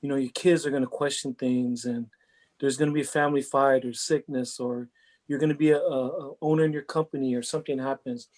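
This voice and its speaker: A man's voice: medium pitch, fairly even intonation, a little fast, darkish tone. A middle-aged man from Hawaii, a head football coach, answering interview questions in an earnest, reflective way, often repeating words as he thinks. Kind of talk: interview answers, casual chat.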